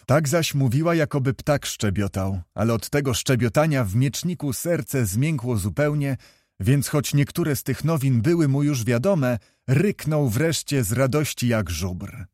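A man reading a classic historical novel aloud in a steady, measured storytelling manner. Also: mid-range voice, no echo, studio quality. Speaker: audiobook narrator. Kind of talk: scripted narration.

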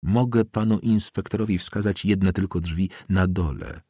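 Mężczyzna czytający głosem surowego, władczego księdza prefekta, szorstko i chłodno spokojnie. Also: male voice, low-pitched, normal speed, no room sound, studio quality. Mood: stern. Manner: gruff, coldly calm, scolding. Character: stern, imposing older male priest prefect.

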